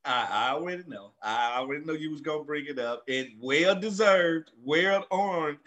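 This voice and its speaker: A man's voice: on the high side, moderate pace, fairly bright tone. A man co-hosting a sports talk show, bantering and teasing his partner in a playful way. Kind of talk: casual sports chat.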